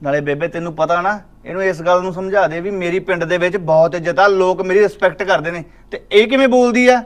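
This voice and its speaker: A man playing a fast-talking jealous village husband. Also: high-pitched, lightly acted. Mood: angry. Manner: scolding, accusing. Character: jealous domineering village husband, quick to anger. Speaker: husband, landowner. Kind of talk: village short film acting.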